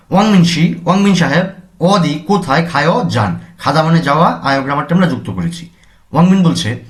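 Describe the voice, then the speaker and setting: A man with a somewhat high voice teaches a language class. He moves slowly and patiently, saying each term and then repeating what it means so learners can follow. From Bangladesh. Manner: slow, repeats each word and its meaning. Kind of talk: classroom lesson explanation.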